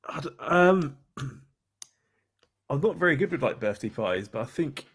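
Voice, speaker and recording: A man's voice: medium pitch, expressive, moderate pace, a bit bright, slight background noise. A man, chatting casually as a guest and often restarting his sentences. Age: 20s. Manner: hesitant, many restarts and fillers. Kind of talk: casual chat.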